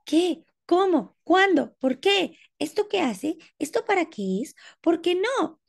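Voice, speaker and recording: A woman's voice: very high voice, sing-song, gravelly, pitched above the performer's own voice, full character voice. A woman voicing a curious little girl scientist who fires off eager questions in a storybook reading. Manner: rapid-fire eager questions.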